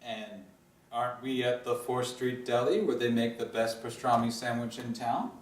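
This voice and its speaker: A man's voice: medium pitch, steady tone, normal speed, a little hiss or hum, natural voice. A man playing a doting, goofy young boyfriend in a live stage play, heard in an echoey room from a distant mic.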